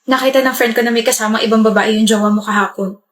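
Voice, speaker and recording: A woman's voice: a little high, steady tone, fast. A woman acting out scripted POV comedy skits, switching between playful characters. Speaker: comedy skit creator.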